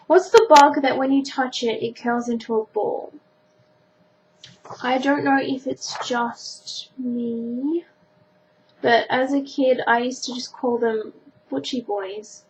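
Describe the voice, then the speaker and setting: High-voiced Australian teenage girl, casual and chatty. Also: steady tone, slow pace, a little mellow. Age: teenager, sixteen. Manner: self-deprecating, chatty, informal. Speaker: vlogger answering a questionnaire. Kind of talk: casual chat to camera. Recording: dull lo-fi sound, faint background noise.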